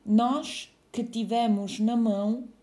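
Woman, dictation teacher, very slow, warm, measured, repeats each phrase. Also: fairly high pitch, steady tone. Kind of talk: slow dictation, phrases read twice with punctuation called out.

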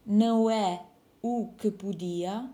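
Woman reading a dictation, soft dark tone, deliberate delivery, punctuation spoken aloud. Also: medium pitch, fairly even intonation. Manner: measured, deliberate phrasing, says each phrase twice. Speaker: dictation teacher. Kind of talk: slow dictation, phrases read twice with punctuation called out.

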